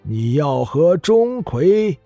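Guy doing a calm old monk, super slow, husky and mellow. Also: on the high side, no echo, faint music behind, pitched above the performer's own voice, heavily acted. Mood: serene. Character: calm wise old Buddhist monk, male.

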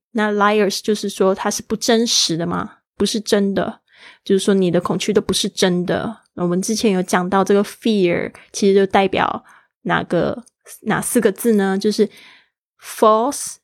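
A woman teaching English, explaining patiently, spelling out words and modelling pronunciation slowly. Her first language is Mandarin Chinese. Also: medium pitch, no room sound, clean studio sound. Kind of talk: bilingual English lesson.

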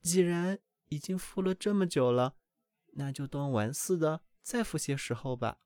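A man voicing a doting, fussy mother duck in a storybook reading, with a high, excited, scolding voice. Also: moderate pace, smooth, no echo, close to an everyday voice. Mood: fretting.

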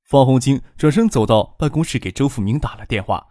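A man narrating a novel as scripted audiobook reading, with a lively, expressive delivery. His pitch moves a lot across each line. The sound is dry and close to a studio mic. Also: fairly quick, dry recording.

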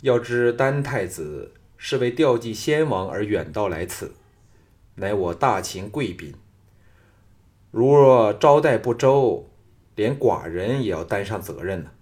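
A man's voice: medium pitch, normal speed, lightly acted. A man reading as a cool, mocking young king. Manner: calm, mocking, commanding. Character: young male king, cool and sharp-tongued. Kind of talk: audiobook character reading.

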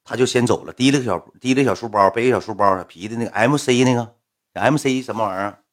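A young man talks fast in a mid-range voice while casually telling an audience a story. He speaks with a Northeastern Mandarin accent, keeps it blunt and colloquial with the odd swear word, and performs both sides of the dialogue himself.

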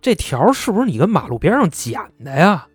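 A man voices a blunt young factory accountant who talks gruffly and with open scorn. The delivery is lively, with a dry, close sound. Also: sits high, a little fast, no echo, soft background music, voice pushed up, heavily acted. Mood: scornful.

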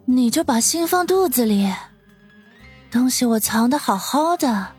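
A drunk young woman mutters in her sleep, slow and slurred, as a male narrator puts her on. The voice sits high and comes out breathy. Soft music plays underneath. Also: expressive, exaggerated voice. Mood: smug. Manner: drowsy slurred sleep-talk. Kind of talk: audiobook character voice.

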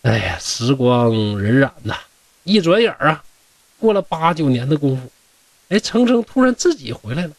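A man's voice: on the high side, sing-song, normal speed, creaky, dry recording, far from the mic. A man from Shenyang with a Northeastern Mandarin accent, telling classic tales as a host in a chatty way with joking asides to listeners. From Shenyang, Liaoning. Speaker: storyteller host. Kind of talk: colloquial classic-tale storytelling.

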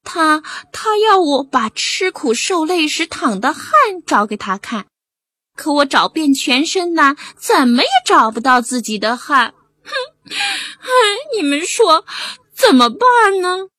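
A put-upon little tabby cat from a children's audio story, whining and tearful as he pleads with his friends, as a woman storyteller puts him on. The voice sits very high and leaps all over the place. Soft music plays underneath. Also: sing-song, measured pace, dry recording, exaggerated voice. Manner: wailing, tearful complaining. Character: put-upon young male tabby cat, whiny and plaintive. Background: background music.

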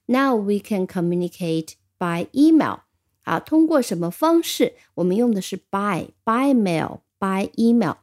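A woman's voice: medium pitch, expressive, measured pace, darkish tone. A woman teaching an English vocabulary lesson, speaking patiently and spelling words out letter by letter, with Chinese as her first language.

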